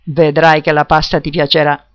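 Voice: medium pitch, flat delivery, moderate pace, smooth, highs cut off, close to an everyday voice. A reader doing a jovial young guy. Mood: friendly. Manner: laughing, teasing, emphatic. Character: jovial young Neapolitan man, teasing and generous.

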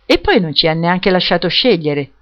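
A woman's voice: fairly low pitch, animated, normal speed, lo-fi sound, close to an everyday voice. A woman reading as a skeptical young man. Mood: surprised. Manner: doubtful, questioning.

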